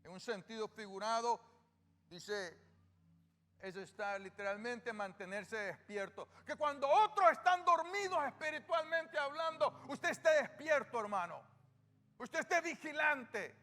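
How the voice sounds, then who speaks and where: Animated yet unhurried, a male pastor with a Salvadoran Spanish accent preaches in a very high, bright, forceful voice. He engages the congregation with call-and-response, answering his own questions, while music fills the reverberant church hall.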